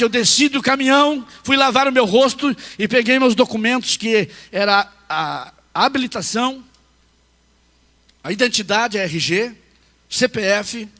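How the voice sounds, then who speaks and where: A middle-aged man from Brazil, preaching a storytelling sermon and swinging from hushed asides to shouted peaks. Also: very high-pitched. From southern Brazil. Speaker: pastor.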